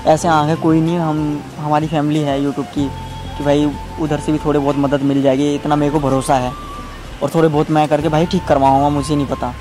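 A man's voice: a little high, flat delivery, a little fast, music in the background. A young man, a YouTuber, crying as he pleads and keeps repeating himself in an emotional talk with his partner. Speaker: YouTuber and prank target. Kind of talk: emotional couple vlog talk.

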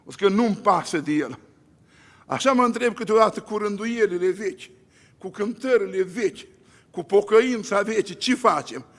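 A man's voice: high-pitched, lively intonation, a bit bright, long reverb tail. A male pastor preaching a sermon, emphatic, with repeated lists and rhetorical questions.

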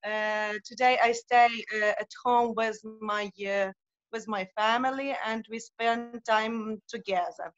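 Halting Ukrainian-accented woman, very slow. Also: a little high, fairly even intonation, soft background music. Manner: halting, hesitant non-native English. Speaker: club member presenting thought of the day. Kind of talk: informal speech in an online meeting. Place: video call. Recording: dull, roomy video-call audio.

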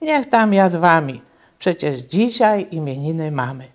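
A woman's voice: low voice, very animated, unhurried, a little mellow. A woman voicing a father who grumbles at magic and then exclaims cheerfully, in a children's story read aloud. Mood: exclaiming. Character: grumbling father, wary of magic but giving in.

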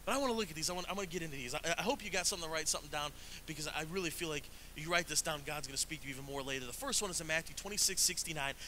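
A man preaching with a high, very bright voice, talking to the congregation in a casual, animated way. He uses slang and acts out the voices he quotes with big jumps in pitch. A faint hiss sits under the recording. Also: very fast, poor audio. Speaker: pastor. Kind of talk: sermon.

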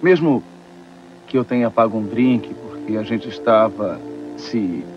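A voice actor dubbing a wry, easygoing middle-aged writer who jokes easily, in a Brazilian Portuguese film dub. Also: male voice, lowish voice, animated, a little slow, muffled recording, over music. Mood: calm. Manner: wry, joking.

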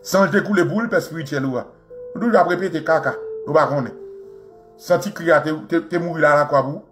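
A man with a Haitian Creole accent, hosting a show and delivering an impassioned, mocking monologue. He repeats phrases and swings between loud outbursts and low asides. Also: fairly quick, faint music behind. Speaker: radio show host.

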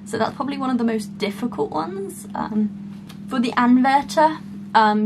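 A woman's voice: mid-range voice, background noise. A woman in her twenties, an upbeat ski instructor chatting casually to camera in a small bedroom. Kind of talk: casual explainer vlog.

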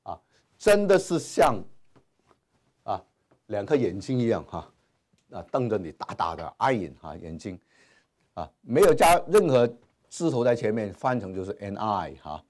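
Male grammar teacher giving a classroom lecture, lively pitch, constant filler sounds. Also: measured pace, pauses often. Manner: frequent "啊" and "哈" fillers, mixes English terms. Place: classroom with whiteboard.

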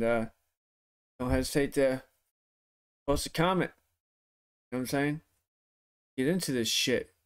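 A young man hosts a casual music reaction in a clear, smooth voice at a middling pitch. His speech sounds like that of someone with a swollen face and a sore tooth, and he talks in profane slang. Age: young adult. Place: living room at home.

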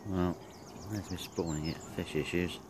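A man with a very low voice gives relaxed, rambling commentary while he films by a lakeside. His camera mic is close, and clear outdoor and nature sounds carry along behind his words. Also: noisy background. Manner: relaxed, rambling, thinking aloud with pauses. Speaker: angler filming his fishing trip. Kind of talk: casual self-filmed commentary. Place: outdoors by a lake. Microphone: handheld camera from behind the lens.

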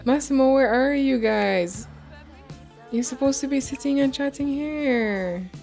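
A woman's voice: sits high, unhurried, creaky, a little mellow, faint music behind. Giggly woman narrating a game. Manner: chatty, giggly, bossing characters around. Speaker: gaming YouTuber. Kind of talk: let's-play commentary.

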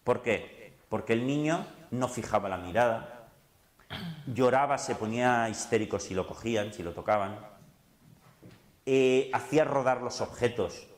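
A man with a Spanish accent from Spain, a psychologist giving a lively talk, who often acts out the lines of his patients and of himself in dialogue. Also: mid-range voice, unhurried, long pauses, reverberant. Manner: conversational, animated, voices patients and himself in dialogue. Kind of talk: lively public talk with acted quotes.

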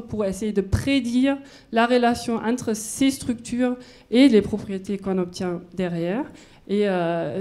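A woman's voice: a little high, dark tone. A woman in her forties with a German accent, a research physicist giving a conference talk, moving about and explaining with everyday examples. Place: university lecture hall. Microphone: handheld microphone.

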